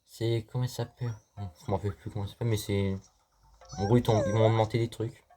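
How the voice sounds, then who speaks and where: A man's voice: lowish voice, little pitch movement, quick pace, warm tone, slight background noise. A man giving casual, joking gameplay commentary as a let's play host, talking to the game and viewers, with faint game music behind.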